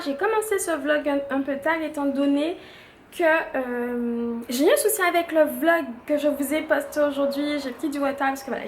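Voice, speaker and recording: A woman's voice: sits high, slight background noise. A young woman vlogging casually from home, chatty, with many fillers and restarts. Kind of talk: casual vlog chat. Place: at home indoors.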